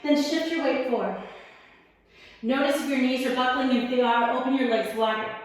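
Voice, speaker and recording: A woman teaching a yoga class, giving calm, encouraging cues with slightly strained breath as she holds the poses herself. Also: sits high, normal speed, heavy reverb, in a large hall, far from the mic, poor audio. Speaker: yoga instructor. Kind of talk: guided yoga class instruction.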